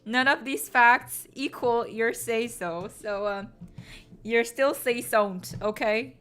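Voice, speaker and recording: A woman's voice: fairly high pitch, slow, fairly bright tone, clear, resonant tone. A young woman streamer chatting casually with viewers, playful and sarcastic, teasing, with many "like" fillers. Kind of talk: casual chat. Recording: faint background music.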